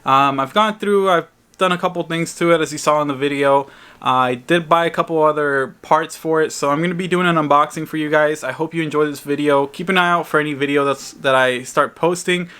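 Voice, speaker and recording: In this unboxing vlog, a man talks informally to his audience, explaining things in plain terms. His voice sits on the high side, steady, fairly quick, pushed and bright. The clip is clear, though background noise and rustling packaging can be heard.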